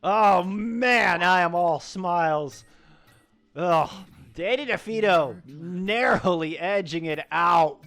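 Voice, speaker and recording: A man co-casting an esports match, excitable and full of hype as he wraps up and thanks the chat. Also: high voice, slow pace, gravelly. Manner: excitable, hyped, shouts of praise. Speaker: esports co-caster. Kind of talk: esports post-match commentary.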